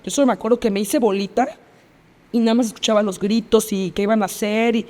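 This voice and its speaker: A woman's voice: mid-range voice, steady tone, fast, dark tone. Mexican woman recounting her story, echoey. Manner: vivid retelling, reenacts past dialogue, repeats phrases. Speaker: interview guest. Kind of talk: personal storytelling in a podcast interview.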